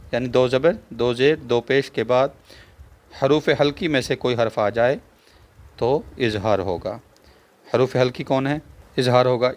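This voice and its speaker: Speaking with a Pakistani Urdu accent in a mid-range voice, a man walks through a Quran reading lesson step by step. He spells out letters and vowel marks, drawls joined words slowly, repeats each rule, and asks the viewer questions.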